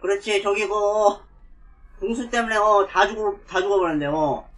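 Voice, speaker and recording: A man's voice: high voice, moderate pace, a bit bright, low-quality recording. A man casually commentating live on a game he is playing, into a close mic. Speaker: game streamer. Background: game music.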